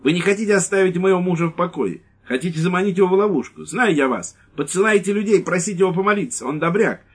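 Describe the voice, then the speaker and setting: A man voicing a huge, domineering older wife who scolds in a shrill, cackling voice, in an audiobook. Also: fast, few pauses, breathy edge. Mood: shrill indignant.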